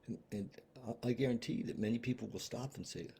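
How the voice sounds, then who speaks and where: A man hosting a recovery video from home, talking casually and gently, with many restarts, and apologetic. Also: medium pitch, quick pace, gravelly, breathy edge. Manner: rambling, many restarts and fillers. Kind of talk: casual heartfelt talk. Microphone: webcam video stream.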